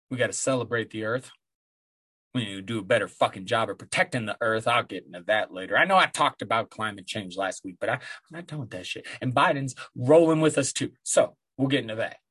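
Male podcast host, middle-aged, smoker's rasp, loose sweary stoner chat, dry close recording. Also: mid-range voice, animated, a little fast, a bit bright, no echo. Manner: laid-back, sweary stoner talk. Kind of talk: casual rambling solo podcast talk.

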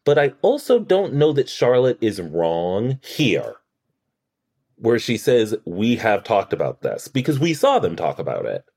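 A man's voice: medium pitch, huge pitch swings, unhurried, darkish tone. A man co-hosting a podcast, chatting and picking apart a TV episode with lots of restarts and quoted dialogue. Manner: chatty, analytical, many restarts and quoted lines. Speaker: podcast co-host. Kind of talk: casual chat recapping a TV episode.

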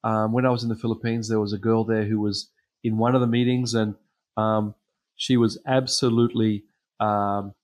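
Preacher, male, lowish voice, unpolished sermon storytelling with ums. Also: little pitch movement, normal speed, darkish tone. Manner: hesitant storytelling with frequent ums. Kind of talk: sermon with personal stories.

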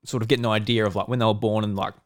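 A man's voice: fairly low pitch, fairly even intonation. A man in his twenties with an Australian accent, hosting a casual podcast chat, joking and teasing his co-host. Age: 20s. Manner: jokey and teasing, fast asides.

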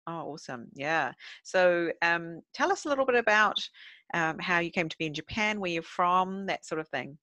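A middle-aged woman hosting a podcast from her home. She talks in a chatty, relaxed way, with plenty of ums and uhs. Her voice sits on the low side and sounds dry and close to the mic. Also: normal speed, dry recording. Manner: chatty, warm-voiced with many fillers. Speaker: podcast host. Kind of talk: casual podcast interview.

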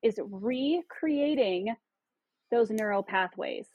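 A woman's voice: a little high, expressive, slow pace, slightly rough, dry recording, dull audio. A woman guest on a podcast, explaining things in a reflective, conversational way. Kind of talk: casual conversation.

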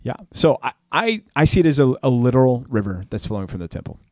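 This man co-hosts a casual Bible discussion podcast, teaching in a playful, bantering way and breaking into snatches of song. His medium-pitched voice is very animated, quick and a little mellow, captured in studio quality with no echo.

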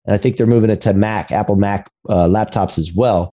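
Quick talking startup-hustle podcast dude, mellow tone, motivational biz buzzwords. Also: male voice, lowish voice. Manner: motivational entrepreneur talk, full of business buzzwords. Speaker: podcast host. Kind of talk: conversational business podcast interview. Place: recorded over a video call.

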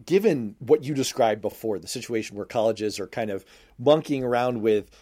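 Wry, animated man chatting casually. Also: mid-range voice, normal speed. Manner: wry, jokey, conversational. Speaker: podcast co-host asking questions. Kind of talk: casual chat.

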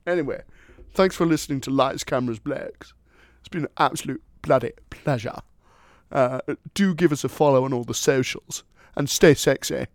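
A man's voice: high voice, huge pitch swings, extremely slow, long pauses, breathy edge, pitched above the performer's own voice, exaggerated voice. A man putting on a brash posh British party lad. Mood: boastful. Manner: brash, showy, laughing.

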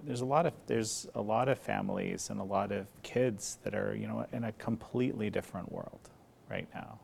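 A male host asks his guest questions in a low voice with deep, heavy vocal fry. He talks haltingly and leans on fillers and tag questions. Faint noise sits behind him. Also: darkish tone. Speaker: podcast host. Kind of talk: interview questions.

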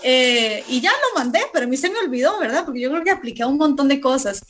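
A woman's voice: sits high, lively intonation, quick pace, a bit bright. A young woman, a guest entrepreneur on a radio interview, telling her story animatedly and tagging her sentences with "¿verdad?". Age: young adult.

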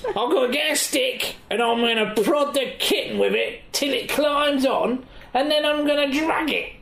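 A woman's voice: high voice, moderate pace, creaky, a bit bright, reverberant. A woman voicing a boastful, dim-witted goblin with a cocky, chuckling brag.

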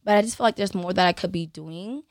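Animated young woman from Cameroon. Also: fairly low pitch, fast talker, no room sound, studio quality. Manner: animated, laughs often, tag questions. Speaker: guest. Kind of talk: podcast interview, telling her story. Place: podcast studio.

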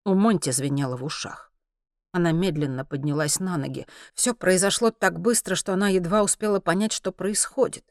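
A steady, measured audiobook narration of a science-fiction story. The voice sits at a middle pitch. It is recorded close, with no room sound at all. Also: no room sound.

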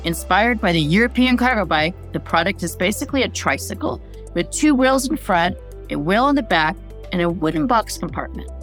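A woman's voice: medium pitch, lively intonation, normal speed, soft background music. A middle-aged woman hosting a podcast, reading a polished, upbeat intro and interviewing a guest. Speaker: podcast host.

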